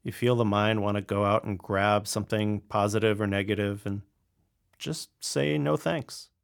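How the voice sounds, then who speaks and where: A man speaking as a meditation teacher, calmly and gently guiding a meditation with pauses between phrases. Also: fairly low pitch, creaky. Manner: calm, gently instructing, with pauses. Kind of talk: guided meditation.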